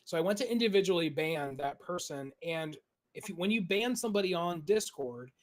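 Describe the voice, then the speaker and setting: A man's voice: high-pitched, animated, brisk. A man hosting a podcast, chatting casually, laughing often and explaining what he did. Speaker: streamer and podcast host. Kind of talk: casual chat.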